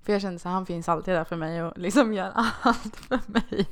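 Young woman telling a story, smooth voice. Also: lowish voice, dry recording. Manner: animated, acts out quoted dialogue with "jag bara". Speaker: podcast co-host. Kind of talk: casual storytelling chat.

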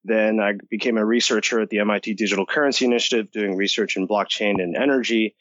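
An eager young American man chats as a podcast guest, piling his sentences with casual fillers. His voice sits on the low side, and the muffled recording sounds dry and close. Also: steady tone, quick pace, a bit bright, no room sound. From United States. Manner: enthusiastic, talkative, many "like" fillers. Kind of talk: casual interview talk.

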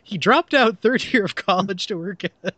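A young man hosts a podcast in a high, pushed, bright voice at normal speed, recorded dry. He chats casually while reading a summary aloud, tossing in sarcastic asides and often laughing mid-sentence.

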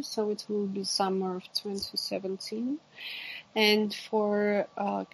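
A woman giving interview answers about technical work, haltingly searching for words in English. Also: mid-range voice, husky, poor audio. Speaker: interviewee, exoskeleton company representative.

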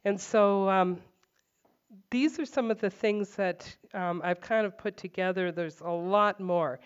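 A woman leads a casual Bible teaching at home, her voice smooth and clear. She speaks conversationally, full of fillers, and hits her points firmly. The recording is dull and lo-fi. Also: medium pitch, a little slow. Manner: conversational, emphatic, many fillers.

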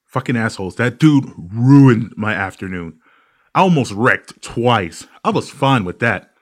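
A man hosting a podcast, telling stories in a profane, ranting, animated way. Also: medium pitch, unhurried. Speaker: podcast host. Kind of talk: casual comedic podcast monologue.

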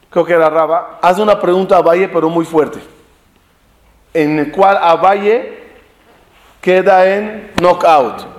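A man with a fairly high voice teaches a Talmud class to a live group. He tells stories through many rhetorical questions and jokes with his listeners. He mixes Hebrew study terms into his speech. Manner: animated storytelling with rhetorical questions. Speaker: Torah teacher.

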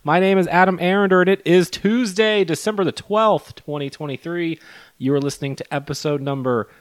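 High-voiced man reading a show intro. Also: fairly quick, clear, resonant tone, no room sound. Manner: formal announcer delivery. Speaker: podcast host.

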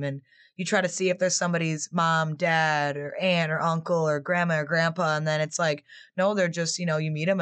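A woman in her twenties, a former player turned assistant coach, answering interview questions in a chatty way. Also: sits low. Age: 20s. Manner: chatty, animated storytelling with quoted voices.

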